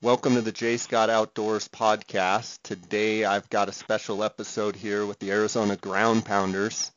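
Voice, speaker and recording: A man hosting a podcast in casual interview chat, talking in an easygoing, halting way, his voice fuzzy and distorted from a bad connection. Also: on the low side, little pitch movement, fairly bright tone, clear, resonant tone, no echo, dull audio. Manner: easygoing, halting speech broken by frequent pauses. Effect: distorted audio from a bad connection. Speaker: podcast host.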